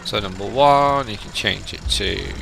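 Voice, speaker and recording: Streaming a ride simulator game, a young northern English man with a Lancashire accent chats casually and rambles, reading the chat aloud and sounding a little nasal from a cold. His voice is fairly low and gravelly at a measured pace, with background noise.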